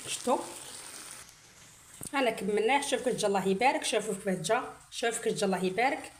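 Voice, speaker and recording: A woman's voice: medium pitch, racing, a little hiss or hum. A middle-aged woman with an Algerian Arabic accent hosts a casual cooking tutorial, filming herself and chattily repeating her phrases to her viewers. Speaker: cooking channel host. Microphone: phone camera, filming herself. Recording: roomy echo.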